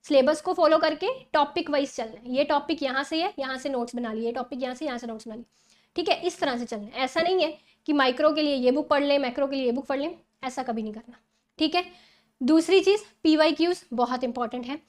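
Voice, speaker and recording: A woman's voice: high-pitched, a little fast. A woman educator giving conversational exam-prep advice, often checking in with her listeners. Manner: coaching, repeats "theek hai?" checks. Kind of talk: conversational teaching talk.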